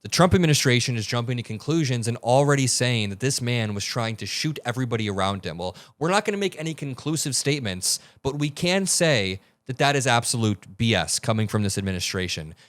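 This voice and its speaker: A man's voice: mid-range voice, very animated, a little fast, hardly any pauses, fairly bright tone, no echo. Young male commentator, host of an online news show, emphatic and blunt, dry close recording.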